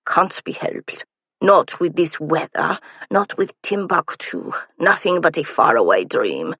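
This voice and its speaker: A woman's voice: on the low side, animated, normal speed, gravelly, no room sound, clean studio sound. A woman voicing a grinning, needling man newly arrived in England, teasing and wry, in an audiobook.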